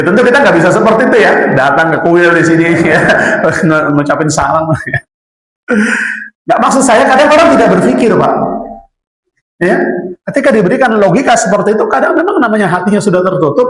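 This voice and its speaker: A man teaching an Islamic study class, speaking conversationally, asking the audience rhetorical questions and calling them "Pak". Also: high-pitched. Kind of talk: religious study lecture. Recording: echoey room.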